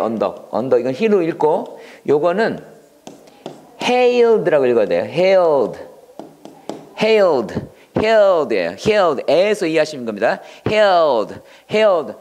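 Man, Korean accent, lively vocabulary lesson, repeats words slowly in drills, swooping pitch. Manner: animated, repeats words in drawn-out sing-song drills. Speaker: English vocabulary teacher. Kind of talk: lively classroom-style vocabulary lecture.

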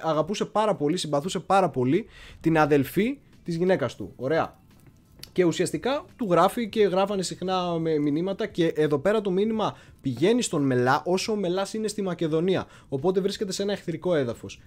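Man, somewhat high voice, casual livestream host, digressive, hesitant pauses. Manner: chatty, digressive, often pauses to search for words. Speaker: history channel host.

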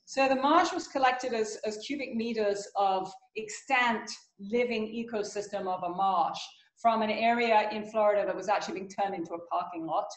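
A middle-aged woman talking in a casual panel discussion, pausing often with fillers over a video call. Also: mid-range voice. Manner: hesitant, many fillers. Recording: echoey room on a video call.

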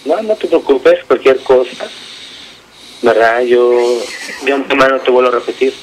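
A Mexican man from Mexico City with a mid-pitched voice speaks hesitantly on a phone call. He rambles and keeps tagging his sentences with "right?". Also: unhurried, background noise. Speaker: prank-call target.

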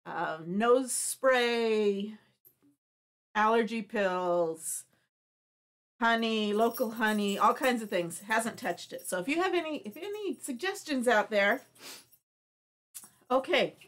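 Sniffling and stuffy from allergies, a middle-aged woman hosts a live craft demo in her home craft room, chatting in a friendly, rambling manner full of restarts. Her voice sits on the high side, expressive and fairly bright, and she speaks slowly with long pauses.

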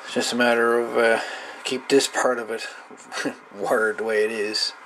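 A man with a medium-pitched, fairly bright voice keeps a level tone and moderate pace. He's a hobbyist showing off a DIY radio project in a relaxed, unscripted, hands-on electronics tutorial that rambles informally. He was recorded at an indoor workbench through a noisy camera mic.

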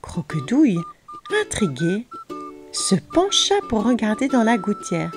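A woman narrating a children's storybook in an expressive, lively manner. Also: fairly high pitch, unhurried, over music.

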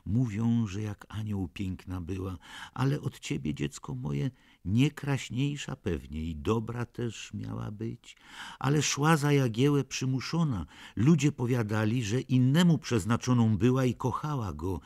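A man doing a fearful old nursemaid, gravelly and hushed. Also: medium pitch, lively intonation, unhurried, dry recording, clean studio sound. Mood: confiding. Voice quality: husky, gravelly. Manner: sighing, hushed, confiding storyteller. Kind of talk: audiobook character reading.

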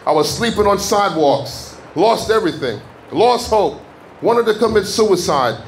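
A man from Jamaica preaching in a church, giving a fervent testimony that builds to shouted declarations. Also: sits high, lively intonation, unhurried, creaky, slight background noise. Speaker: guest preacher. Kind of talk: sermon testimony. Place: church sanctuary.

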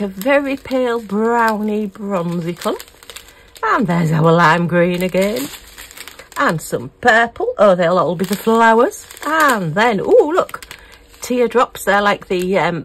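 A woman's voice: medium pitch, slight background noise. A middle-aged woman from the UK, chatting casually and gushing as she unboxes and reviews craft kits. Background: a small fan humming.

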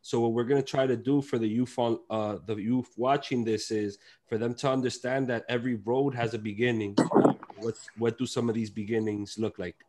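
Halting man moderating a video call panel. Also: mid-range voice, fairly even intonation, a little mellow. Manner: loose, halting, many fillers and restarts. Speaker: host and moderator. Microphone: headset.

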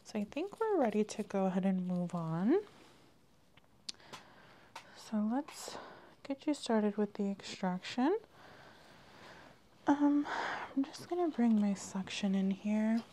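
Woman, ASMR dentist roleplay, gentle reassuring whisper, mellow tone. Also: medium pitch, sing-song, slow pace, pauses often, slight background noise. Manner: gentle, soft-spoken, reassuring.

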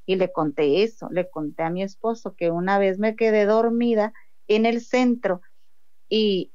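A woman's voice: medium pitch, darkish tone, clean tone, lo-fi sound. A woman with a Mexican accent giving a heartfelt personal faith testimony, often restarting her sentences. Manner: heartfelt storytelling with frequent restarts.

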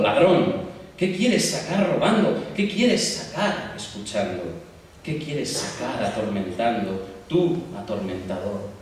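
A man's voice: mid-range voice, lightly acted. A man voicing Ariadne, anguished and echoing. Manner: impassioned, swings from hushed to loud cries. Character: anguished mythic woman lamenting a cruel god. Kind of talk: dramatic poetry recitation. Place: large university hall. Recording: echoey hall, distant mic, faint hiss.

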